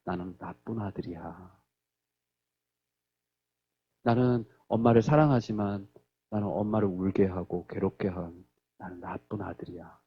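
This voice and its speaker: A man voicing a young schoolboy who softly confesses his faults, speaking slow and low. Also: dull audio, lightly acted. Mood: remorseful.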